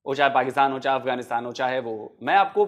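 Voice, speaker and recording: A man's voice: medium pitch, fast, lo-fi sound. A man hosting a reaction video, arguing emphatically and addressing his viewers. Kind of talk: reaction commentary.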